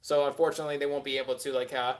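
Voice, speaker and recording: A man's voice: mid-range voice, little pitch movement, racing. A man hosting a live stream, rambling casually and answering chat with many filler words.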